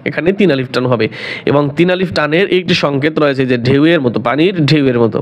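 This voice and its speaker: A man teaching Quran recitation in a tajweed lesson with a Bangladeshi Bengali accent, patiently breaking words into letters and repeating each phrase. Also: a little high. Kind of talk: tajweed lesson, explaining then reciting slowly. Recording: slightly dull lo-fi audio.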